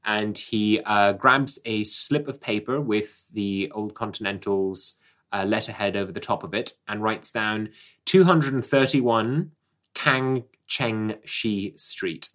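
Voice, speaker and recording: A man's voice: on the low side, takes it slowly, a bit bright. A man with a British accent narrating as game master of a tabletop game, hesitant and full of fillers.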